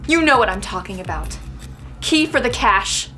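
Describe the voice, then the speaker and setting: A woman plays a scheming young woman who makes cold demands. Her voice is bright and fairly high. Faint music plays underneath. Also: expressive, normal speed. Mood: demanding. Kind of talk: over-the-top crime comedy acting.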